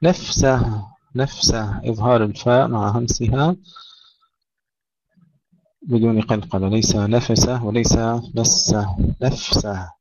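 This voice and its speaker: A man teaching Quran recitation rules, reciting verse phrases slowly, then explaining them briskly. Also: mid-range voice, a little mellow, no echo. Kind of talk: tajweed lesson. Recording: dull lo-fi, dry sound.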